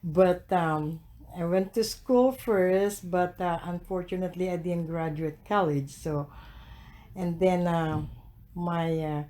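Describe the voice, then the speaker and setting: A man in his sixties from the Philippines, with a Filipino accent, answering interview questions hesitantly with many filler pauses. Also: high-pitched, fairly even intonation, a little mellow. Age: 60s. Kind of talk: oral history interview.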